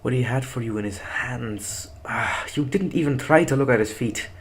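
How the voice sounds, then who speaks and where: A man's voice: medium pitch, moderate pace, lightly acted. A man reading a horror story, voicing a stern companion who urgently warns about the devil. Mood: urgent warning. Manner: urgent, insistent warnings.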